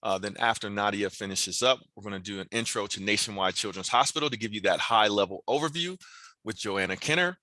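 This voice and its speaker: Bright, dry-sounding American man hosting, courteous and businesslike. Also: on the low side, fairly quick, no echo. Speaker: host, moderator of a recruitment event. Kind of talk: semi-scripted event introduction.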